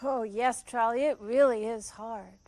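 A woman playing an earnest, patient, polite young lady in children's television make-believe, gently pleading. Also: on the high side, steady tone, unhurried, very noisy, close to an everyday voice. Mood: startled, weary.

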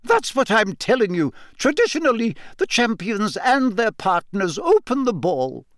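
A man's voice: sits high, sing-song, a little slow, fairly bright tone, dry recording, clean studio sound, pitched above the performer's own voice, exaggerated voice. A man reading an audiobook and voicing a strict, stern older female professor with clipped, disapproving, firm delivery. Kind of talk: audiobook character voice.

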